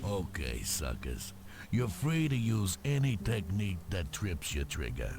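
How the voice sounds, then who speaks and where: An actor playing a seedy, cynical tough-guy bowling alley boss in a cartoon game, gravelly, swaggering and sneering, full of slang. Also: low-pitched, huge pitch swings, unhurried, exaggerated voice. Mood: swaggering, boastful. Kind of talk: cartoon adventure game acting. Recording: loud music behind the voice.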